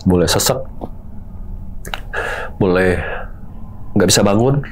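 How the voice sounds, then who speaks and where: A man's voice: on the low side, takes it slowly, slight background noise. A middle-aged man, telling his own story in an earnest, pleading way. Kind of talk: emotional confessional storytelling.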